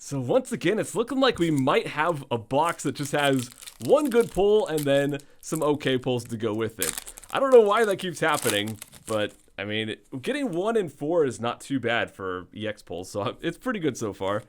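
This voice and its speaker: A man's voice: mid-range voice, big pitch swings, normal speed, slight background noise. A man with a thin, weak voice giving casual unboxing commentary as the host of a video. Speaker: host of card pack opening videos.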